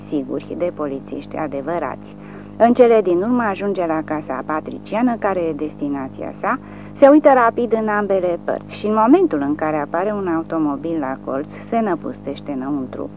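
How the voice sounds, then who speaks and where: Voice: medium pitch, animated. An audiobook narrator reading a war novel in a dramatic, widely varying delivery. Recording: narrow phone-like sound, faint music.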